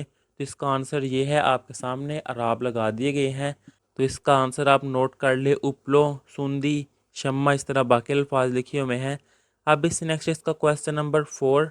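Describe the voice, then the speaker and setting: A man with a Pakistani Urdu accent teaches a textbook lesson in a steady middle-pitched voice, reading each question and then its answer. His tone is smooth and resonant, and he mixes English words into his explanations. The recording is close and dry, with no room sound around him. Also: dry recording.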